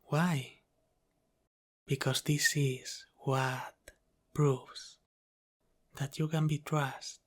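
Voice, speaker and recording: In an intimate ASMR roleplay, a man voices a teasing, protective Italian-American mafia boss, talking softly and deliberately and drifting into whispers. His pitch sits fairly high and barely moves. He sounds knowing and confident.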